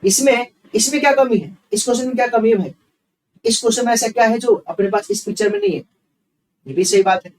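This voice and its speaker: A man teaches a reasoning class. His voice sits high, and he talks fast as he counts through the sums aloud, asking his students questions and answering them himself. He sounds a little distant from the microphone. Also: big pitch swings, a little mellow, slight background noise. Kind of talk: online exam-prep class.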